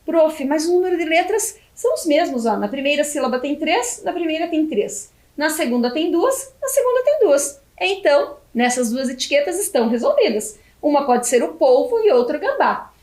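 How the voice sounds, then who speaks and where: A Brazilian Portuguese woman teaching a video lesson for young children, slowly stretching syllables as she spells words out. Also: high-pitched, sing-song, darkish tone, echoey room. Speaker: primary school teacher.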